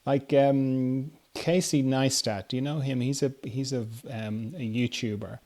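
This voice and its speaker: A podcast host with a mid-pitched voice leads a relaxed conversation and reads out listener questions. His speech is halting and meandering, as if he's working out his thoughts aloud.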